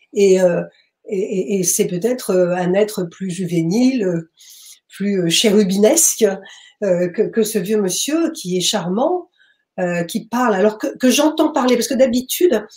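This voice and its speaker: A woman recounts a personal experience in an interview, pausing often to search for the right word. Her voice is warm and mellow, sitting in a middle range. She speaks hesitantly, with frequent restarts. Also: mid-range voice, expressive. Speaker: author and medium. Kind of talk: interview storytelling. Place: bookshop.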